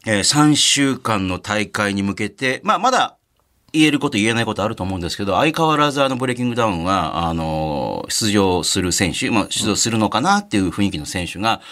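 A man co-hosting a radio talk show, telling stories in a lively way with many fillers. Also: lowish voice, brisk. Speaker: radio co-host, announcer.

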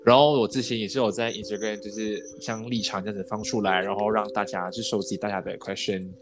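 A man's voice: on the low side, little pitch movement, quick pace. A man with a Malaysian Mandarin accent hosting a casual podcast interview, chatty and dropping English words into his Mandarin. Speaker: podcast host. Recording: background music under the talk.

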